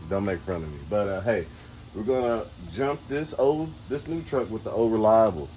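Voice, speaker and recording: A man's voice: lowish voice, animated, moderate pace, mellow. An American man talking casually to camera in a folksy, self-deprecating way, recorded outdoors with wind on the mic. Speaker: vlogger, truck owner. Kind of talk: casual handheld vlog talk. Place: outdoors by a carport and trucks. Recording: windy, noisy outdoor audio. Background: wind on mic, vehicle noise.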